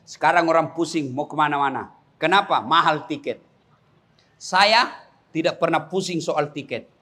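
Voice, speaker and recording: A man preaching a comic sermon to young people, telling lively stories, mimicking voices and shouting. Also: a little high, normal speed.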